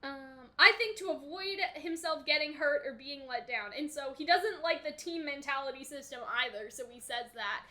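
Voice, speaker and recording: Bright high-pitched woman chatting animatedly. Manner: animated, swears, quick asides. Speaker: host. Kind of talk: casual book discussion.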